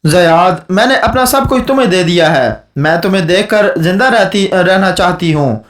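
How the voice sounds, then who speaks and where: A man's voice: high-pitched, expressive, echoey room, far from the mic. A man reading the lines of a frightened, secretive young wife in a pleading way, for an audio story. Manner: pleading, breathless.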